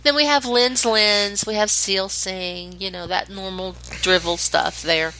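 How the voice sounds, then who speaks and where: Chatty woman recapping, bright voice. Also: mid-range voice, fairly even intonation, measured pace, slight background noise, poor audio. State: stuffy-sounding. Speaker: podcast co-host. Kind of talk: casual chat.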